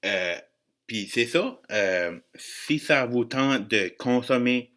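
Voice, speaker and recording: A man with an Acadian French accent hosts a casual solo podcast, joking and rambling informally with bits of English slang. His medium-pitched voice is expressive and fairly bright, and he takes his time.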